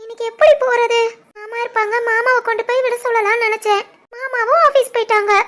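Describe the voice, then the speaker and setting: A woman voicing a young college-going wife, sharp-tongued and playful, with a squeaky, childlike Tirunelveli Tamil voice in an animated family story. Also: fast talker. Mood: fretting. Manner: bossy teasing banter.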